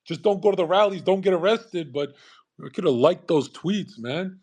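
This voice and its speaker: A man's voice: high-pitched, animated, moderate pace, darkish tone, slightly rough. A man hosting a podcast, talking in a rambling, profane casual monologue. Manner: profane, rambling rant with frequent "man" and "bro". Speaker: podcast host.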